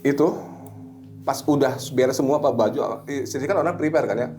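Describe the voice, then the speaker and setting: Man telling stories with music behind. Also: mid-range voice. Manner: animated storytelling, softens into slow soothing suggestion voice. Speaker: hypnotherapist guest. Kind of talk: casual chat.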